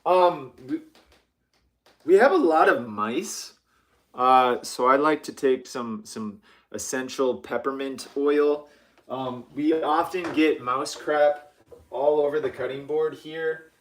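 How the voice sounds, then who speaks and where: Man, middle-aged, unhurried, rambling, self-deprecating, casual live cooking stream, home kitchen, average pitch. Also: fairly bright tone. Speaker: livestream host.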